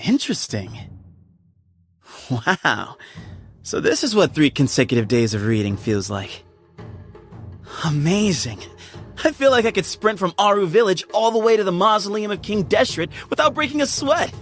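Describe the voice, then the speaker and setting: In a high, sing-song voice, a voice actor performs video game lines as a playful, easygoing young man in charge of a desert temple, chummy and ready to laugh. He's on a studio microphone in a dry booth, with soft background music.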